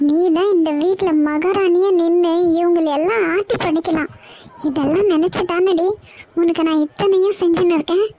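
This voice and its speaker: A woman's voice: very high-pitched, warm tone. An actress playing a middle-aged mother, reproachful and guilt-tripping, in a TV serial scene. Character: bitter, self-pitying middle-aged mother.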